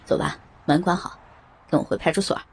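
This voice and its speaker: A woman voicing a cold, curt male police officer with a lowered voice. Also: steady tone, a little fast, gravelly, husky, full character voice.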